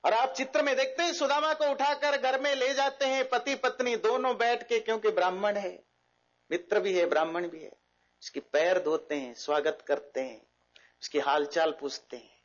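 A man giving a storytelling talk about friendship, animated and mixing English words into his speech. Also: sits high, moderate pace. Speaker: spiritual speaker. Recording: dull lo-fi recording.

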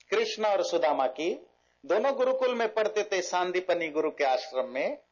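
A man giving a storytelling talk about friendship, animated and mixing English words into his speech. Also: sits high. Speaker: spiritual speaker. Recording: dull lo-fi recording.

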